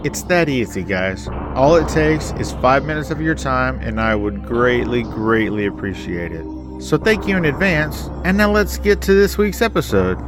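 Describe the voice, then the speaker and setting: Male podcast host, casual and breezy, slightly high voice. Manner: breezy, addresses listeners as guys. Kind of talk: casual podcast chat and ad reads.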